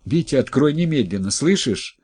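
A man voicing a distraught middle-aged wife who shouts and screams in frantic outbursts. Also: mid-range voice, big pitch swings, a little slow, breathy edge, voice pushed up, full character voice.

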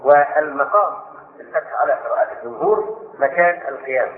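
An older man giving a spoken lesson on scripture, explaining quickly and slowing to recite verses. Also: mid-range voice. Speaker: Islamic scholar giving Quran commentary. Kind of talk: spoken Quran commentary lesson. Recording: echoey room over a tinny phone-like line.

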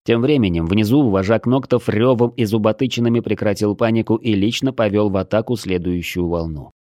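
A man reading a first-person adventure audiobook in a measured, steady storytelling manner. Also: fairly low pitch, no room sound, studio quality. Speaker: audiobook narrator.

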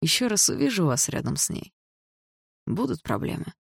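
A woman's voice: lowish voice, big pitch swings, normal speed, creaky, breathy edge, no room sound, clean studio sound, exaggerated voice. A woman reading an audiobook, voicing a tough, protective teenage boy with a curt, threatening manner. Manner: curt and threatening, softening when gentle.

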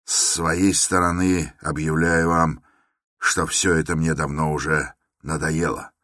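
A man voicing a tense, defiant young ex-student who speaks in clipped, deliberate declarations. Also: very deep voice, little pitch movement, bright, forceful tone, no echo, clean studio sound, heavily acted. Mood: cold, defiant.

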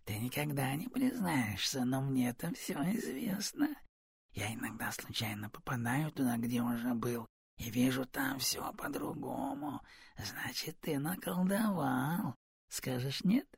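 A man voicing a fussy, book-loving raven in an audiobook, with a high, whiny, pleading manner and a husky voice. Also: expressive, normal speed, no echo, studio quality, full character voice. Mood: whispering. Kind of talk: audiobook character voice.

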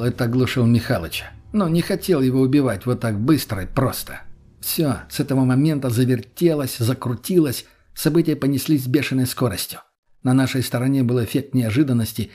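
A man narrating a story in the first person, steady and matter-of-fact. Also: mid-range voice, fairly quick, husky. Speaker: audiobook narrator.

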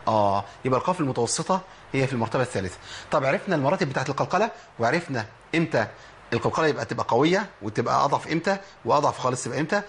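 A man with an Egyptian accent giving a spoken tajweed lesson, explaining and then slowly drilling sounds, asking questions and answering them himself. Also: medium pitch, expressive, fairly bright tone, slight background noise. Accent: Egyptian Arabic. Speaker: Quran recitation teacher.

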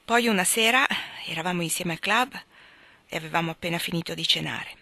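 A woman reading a novel aloud in a measured, expressive storytelling manner. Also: fairly low pitch, vocal fry, dry recording. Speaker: audiobook reader.

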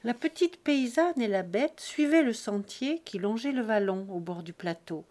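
A woman narrating a classic novel as an audiobook, in measured, expressive phrasing with short breath groups. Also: a little high. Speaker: audiobook reader.

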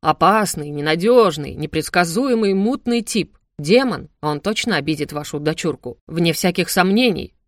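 A woman doing a smug tattling male cat familiar, gloating and slow, dry close sound, storybook. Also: on the low side, animated, no echo, close to an everyday voice. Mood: scornful. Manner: gleeful gossiping, chewing while talking.

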